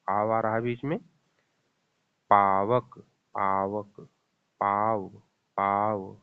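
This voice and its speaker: Slow, low-voiced man teaching grammar. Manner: slow, repeating each example and quizzing the viewer. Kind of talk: exam grammar lesson. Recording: tinny phone-like audio.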